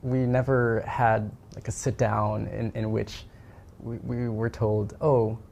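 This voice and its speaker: A man being interviewed, reflecting on personal experiences in measured phrases with pauses mid-thought. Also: lowish voice, flat delivery, gravelly, darkish tone. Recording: noticeable ambient background noise.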